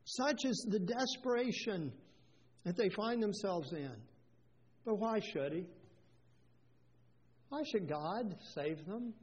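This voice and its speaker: A man's voice: high-pitched, lively intonation, slow, long pauses, darkish tone, breathy edge, lo-fi sound. A male pastor preaching a sermon, earnest and building to fervent moments. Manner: earnest preaching, rises to fervent scripture quotes.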